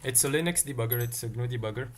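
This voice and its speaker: Racing along in a mid-range voice, the Tunisian livestream tech teacher works through a coding lesson, reasoning aloud and responding to chat questions as they pop up. There's slight background noise.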